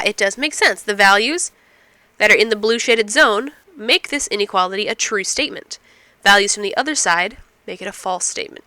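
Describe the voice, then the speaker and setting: A woman recovering from a cold records a math lecture, working through the material step by step and posing questions she then answers herself. Her voice sits on the high side with a sharp tone, and the recording is dry.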